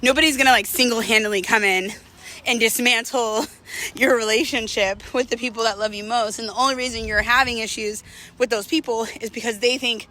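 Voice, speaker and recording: Fairly quick and sharp-toned, this woman's high-ish voice keeps a fairly even intonation. She shares personal stories with viewers in a candid, reflective, casual monologue full of slang.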